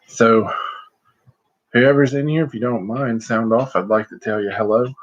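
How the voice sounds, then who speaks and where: A middle-aged man chatting casually and folksily on a livestream, rambling along with hesitant pauses. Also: mid-range voice, fairly even intonation. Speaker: host of a livestream vlog. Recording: slightly muffled, lo-fi livestream audio.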